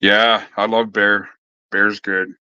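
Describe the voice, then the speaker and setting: A man's voice: lowish voice, level tone, slow pace, bright, forceful tone, clean tone, dry recording, dull audio. A man chatting casually on a live stream, answering viewers in a laid-back, slangy way, swearing freely and laughing often as he tells stories.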